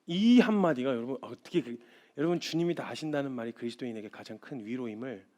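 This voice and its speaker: A young man preaching a sermon as a missionary, swinging from soft, confiding lines to loud, impassioned outbursts and acting out quoted speech in a gentle hush. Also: medium pitch, fast. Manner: acts out quoted dialogue in a gentle hushed voice.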